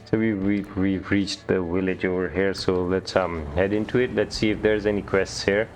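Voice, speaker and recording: Low-voiced man narrating gameplay. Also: normal speed, slight background noise. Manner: relaxed, thinking aloud, hesitant restarts. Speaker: gamer. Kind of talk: gameplay commentary.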